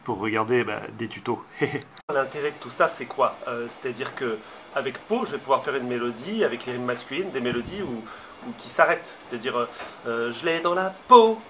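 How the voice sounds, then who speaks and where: A man's voice: mid-range voice, expressive, fairly quick, bright, forceful tone, slight background noise. A man giving a casual songwriting tutorial, talking hesitantly with many filler sounds.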